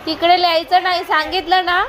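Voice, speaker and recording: A woman's voice: very high-pitched, level tone, brisk, very noisy. A young woman scolding her toddler at home, stern and firm, asking the same question over and over. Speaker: mother.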